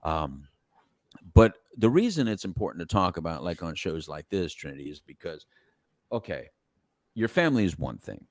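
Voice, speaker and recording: A middle-aged man with a very low voice that swings up and down freely as he talks. He chats casually as a podcast host, rambling through restarts and breaking into laughter often. The sound is close and dry. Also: very animated, normal speed, no room sound. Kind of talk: casual chat.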